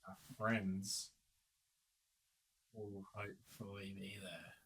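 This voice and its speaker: A man playing a tabletop game, lively and incredulous, often laughing. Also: fairly low pitch, takes it slowly. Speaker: player. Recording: a bit far from the mic with faint noise.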